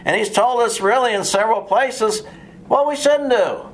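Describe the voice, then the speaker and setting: A man's voice: extremely high pitch, moderate pace. A man preaching a sermon in an earnest, plain way, with touches of sarcasm and frequent restarts.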